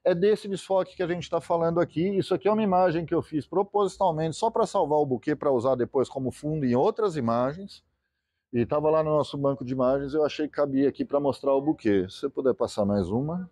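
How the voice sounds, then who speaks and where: A man's voice: a little high, fast, mellow, no room sound, clean studio sound. A man with a Brazilian accent giving an informal explanatory lecture as a photography presenter, in a colloquial way full of diminutives.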